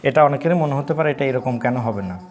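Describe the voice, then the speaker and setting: A man from Bangladesh, a college Bangla lecturer, teaching pronunciation in an online class, repeating each word slowly and asking and answering his own questions. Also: medium pitch, soft background music.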